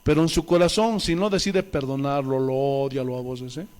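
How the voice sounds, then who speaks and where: A man's voice: medium pitch, fairly even intonation, moderate pace, a little mellow. A male pastor, preaching a sermon with emphatic rhetorical questions and reading scripture aloud. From Bolivia.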